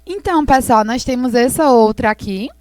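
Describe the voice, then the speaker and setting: A woman English teacher explaining slowly and patiently, repeating words for her students in a recorded lesson. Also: fairly high pitch, animated, darkish tone, dry recording.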